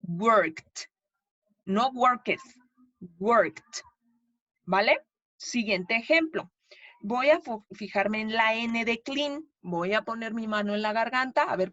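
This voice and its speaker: A woman's voice: a little high, fairly bright tone, dry recording. Chatty woman teacher, muffled dry sound. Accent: Mexican Spanish. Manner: patient, chatty, checks in with "¿sí?" and "¿sale?". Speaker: English teacher. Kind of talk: classroom explanation lesson.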